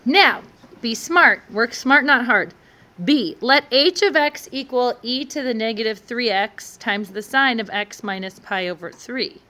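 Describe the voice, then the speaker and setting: A woman's voice: on the high side, measured pace, sharp tone. A woman teaching math in a classroom, walking through each step and asking the class encouraging questions. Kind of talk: classroom lecture.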